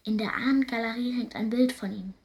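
A woman's voice: a little high, fairly even intonation, a little fast, close to an everyday voice. A woman voicing a stern queen in a fairy tale, speaking firmly and warningly. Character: stern, dismissive queen mother.

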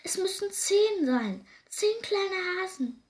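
A woman voicing a frightened mother hare who speaks high and urgently. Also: sing-song, slow pace, heavily acted. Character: anxious mother hare, frightened for her child.

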